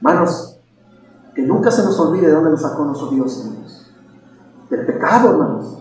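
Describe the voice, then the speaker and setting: A man's voice: on the high side, big pitch swings, normal speed, darkish tone. A man preaching a sermon, who keeps calling his listeners brothers and asks many rhetorical questions. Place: church. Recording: very echoey hall, voice from far off.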